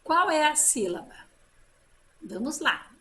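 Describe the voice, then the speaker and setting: A woman teacher leads a slow children's phonics lesson, stretching out each example word. Her voice is bright and fairly high, and it rises and falls a great deal as she encourages the class. A faint noise sits behind her. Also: sing-song. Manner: slow drawn-out model words, encouraging teacher talk.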